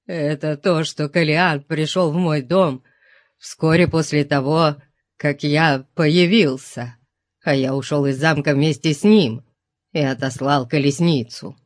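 A man's voice: steady tone, a little slow, no room sound, studio quality, close to an everyday voice. A man voicing a terrified steward who whines and pleads, his voice rising as he begs. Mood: pleading. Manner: sobbing, whining plea rising in pitch. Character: terrified middle-aged male steward, pleading.

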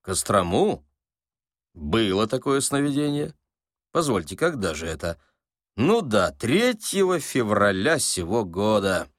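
A man's voice: fairly low pitch, very animated, a little slow, dry recording, clean studio sound. A man voicing a genial, self-assured con man who talks easily with a light mocking edge. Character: smooth confident male con man, genial and playful. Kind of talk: audiobook character voice.

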